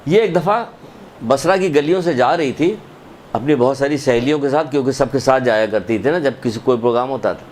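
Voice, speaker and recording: A man's voice: medium pitch, a little mellow, a little hiss or hum. A man giving a religious sermon, telling a story, repeating points and asking rhetorical questions. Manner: emphatic, repetitive, rhetorical questions. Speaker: religious lecturer.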